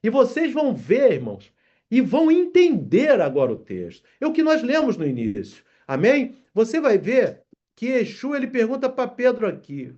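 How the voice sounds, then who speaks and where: A man's voice: very high voice, wildly swooping pitch, moderate pace, darkish tone, muffled recording. A man preaching a sermon, reading scripture aloud and calling his listeners brothers. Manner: addresses congregation as brothers, reads scripture aloud.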